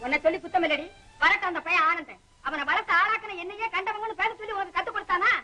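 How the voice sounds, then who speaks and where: An actress playing a sharp-tongued scheming aunt in an old film, taunting and scolding. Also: female voice, extremely high pitch, steady tone, quick pace, a little hiss or hum, exaggerated voice. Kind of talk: 1960s film acting.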